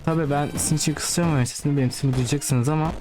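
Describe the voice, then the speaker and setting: A man giving casual let's-play commentary, excitable, swearing and talking straight to his viewers. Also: on the high side, rapid-fire, faint music behind. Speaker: gaming channel host.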